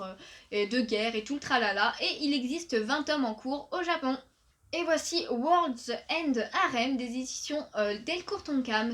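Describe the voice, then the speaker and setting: A woman's voice: high voice, fairly bright tone. A young woman chatting casually on her video channel, full of fillers, reading book summaries aloud. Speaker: manga YouTuber. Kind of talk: casual video chat reviewing new releases.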